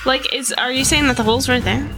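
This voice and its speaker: A woman's voice: sits high, steady tone, fast. A woman playing a tabletop role-playing game, chatting casually about her moves, with music behind her.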